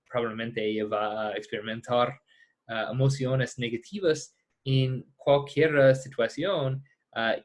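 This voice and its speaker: A male teacher speaks Spanish with an American accent, as a native English speaker does. His delivery is slow and halting, at a middling pitch, as he searches for the right word while leading a class discussion. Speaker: ethics teacher. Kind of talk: lecture discussion with students.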